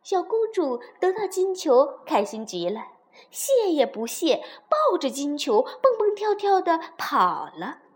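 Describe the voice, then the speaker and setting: A woman narrating a children's fairy tale, gentle and expressive. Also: high voice. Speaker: storyteller.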